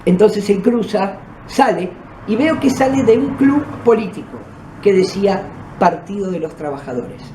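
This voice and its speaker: A man's voice: sits high, animated, moderate pace, warm tone. A man with a Uruguayan accent, the host of a podcast, telling his own paranormal experiences in a conversational way. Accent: Uruguayan Spanish. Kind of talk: first-person storytelling of paranormal experiences. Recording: echoey room with background noise.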